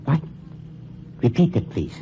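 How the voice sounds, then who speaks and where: This man speaks unhurriedly in something close to his everyday voice. He is an actor in a 1940s radio drama playing a smooth, threatening undertaker who runs a funeral home, his manner coldly courteous and stretched out. The audio is muffled and carries a faint hiss.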